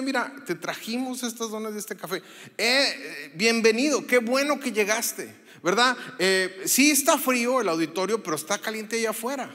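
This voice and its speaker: A man's voice: high voice, sharp tone. A man, a pastor giving a chatty, story-filled sermon with lots of fillers and asides to the audience in a church auditorium. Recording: long hall reverb.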